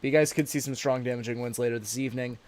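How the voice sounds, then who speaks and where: A man with a sore throat giving casual, unscripted live weather commentary as a livestream host, halting and informal. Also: mid-range voice, fairly even intonation, a little mellow. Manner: informal, halting, addressing viewers as y'all.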